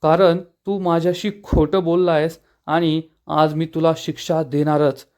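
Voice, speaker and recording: A man's voice: on the high side, flat delivery, a little slow, a little mellow, close to an everyday voice. A man voicing an angry, betrayed young wife who scolds her lying husband in a story recap. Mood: scolding. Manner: scolding, accusing.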